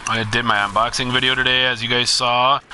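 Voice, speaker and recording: A man's voice: mid-range voice, little pitch movement, fast, bright, forceful tone, a little hiss or hum, poor audio. A man chatting casually while streaming a game, swearing freely and munching as he talks into his microphone. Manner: chatty and profane, talking while eating. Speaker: gaming streamer. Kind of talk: casual live-stream commentary. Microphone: headset-style microphone.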